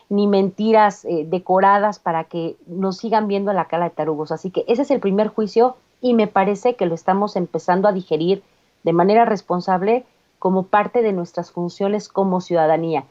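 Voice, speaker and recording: Una abogada mexicana comenta la política con tono indignado y enfático. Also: female voice, medium pitch, a little mellow. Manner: indignant, emphatic. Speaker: lawyer and commentator. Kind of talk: political commentary. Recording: dull lo-fi sound.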